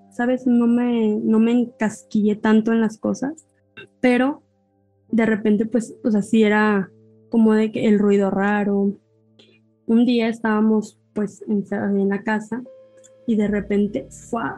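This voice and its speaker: Speaking in a fairly high pitch, a Mexican-accented woman guesting on a podcast shares a story from her life and brings her relatives' words to life in an animated way. There's no room sound, though the audio quality is poor.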